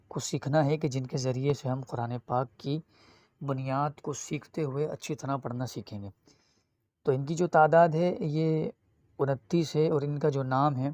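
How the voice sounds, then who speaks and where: A man's voice: mid-range voice, darkish tone, no room sound. A man teaching an online lesson on Quran reading, speaking directly to his viewers and drawing out each letter as he recites it.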